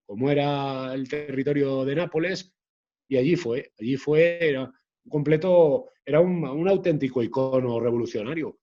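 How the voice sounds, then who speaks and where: A man, a guest author talking in an interview in a measured way, often restarting his phrases. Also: medium pitch, muffled recording. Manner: measured, hesitant with frequent restarts. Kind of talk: conversational interview.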